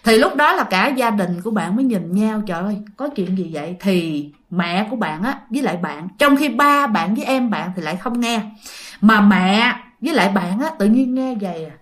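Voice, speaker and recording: A woman's voice: medium pitch, animated, moderate pace. A woman telling a listener's ghost story in a chatty way, speaking straight to her listeners. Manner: chatty, addresses listeners directly.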